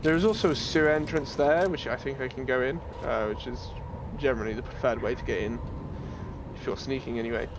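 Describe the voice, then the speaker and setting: A man's voice: medium pitch, brisk. A man giving casual, playful commentary as he plays a video game, muttering asides to himself. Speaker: gaming video host. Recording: game water noise behind commentary.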